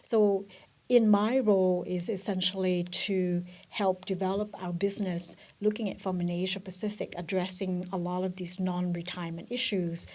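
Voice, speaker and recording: A woman's voice: fairly low pitch, flat delivery, moderate pace, darkish tone. A middle-aged woman from Vietnam, a guest in a business interview, speaking thoughtfully with frequent fillers and restarts. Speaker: guest, benefits director. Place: corporate office.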